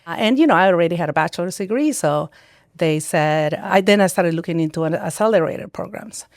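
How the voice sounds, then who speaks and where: A Salvadoran woman whose first language is Spanish chats as a guest in a casual interview, where she works as a psychiatric nurse practitioner. She tells stories with frequent restarts and acted-out quotes, speaking fairly quickly with lively intonation in a lowish voice. The close mic is dry, with no room sound.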